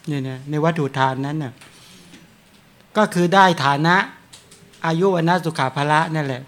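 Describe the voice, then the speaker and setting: Monk, man, relaxed storytelling sermon, slightly higher voice. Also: normal speed. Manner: chatty, tells anecdotes with frequent chuckles. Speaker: Buddhist monk. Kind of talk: dharma talk with storytelling.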